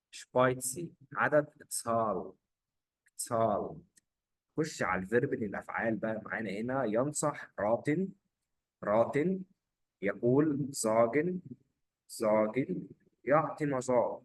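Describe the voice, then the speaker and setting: Husky-voiced male teacher with an Egyptian accent, repeating words in a classroom-style drill. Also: mid-range voice, poor audio. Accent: Egyptian Arabic. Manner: drills each word by repeating it. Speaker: German teacher. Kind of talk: vocabulary lesson.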